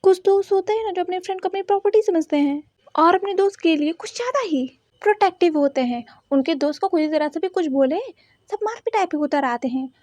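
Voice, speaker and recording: Lady reading out a fanfic story, chatty, super high voice, dry. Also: fairly quick, no echo. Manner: lively, chatty aside to listeners. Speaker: fan fiction narrator. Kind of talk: storytelling narration.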